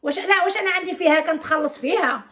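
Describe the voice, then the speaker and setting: Moroccan woman vlogger, high and bright voice, indignant rant full of rhetorical questions. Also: very fast. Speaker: YouTuber. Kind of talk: angry vlog rant to viewers.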